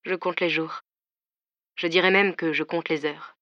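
A woman voicing a tender, confident man who courts his partner by phone, hushed and soft in an audiobook reading. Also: on the low side, steady tone, measured pace, dry recording, dull audio, close to an everyday voice.

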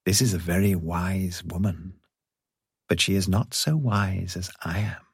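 A man's voice: sits low, measured pace, husky, no room sound, studio quality, pitched below the performer's own voice, full character voice. A man voicing a proud, independent male cat who is cool and self-satisfied, in a storybook reading. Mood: smug.

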